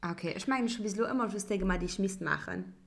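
Relaxed young woman reacting casually. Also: medium pitch, fast, creaky. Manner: relaxed listener, short reactions and asides. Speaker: podcast co-host. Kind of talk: casual chat.

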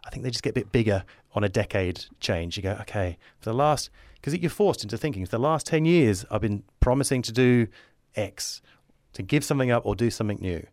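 Male podcast guest, lowish voice, upbeat rambling thinker, casual interview delivery, very dry recording. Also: lively intonation, brisk, a little mellow, no room sound. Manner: enthusiastic, rambling, optimistic musing. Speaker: podcast guest, advertising creative.

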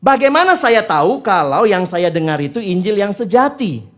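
A man delivers a sermon teaching from the Bible, putting questions to his listeners and slipping in English phrases as he swings between loud emphasis and quiet asides. His voice is high and sing-song, at normal speed.

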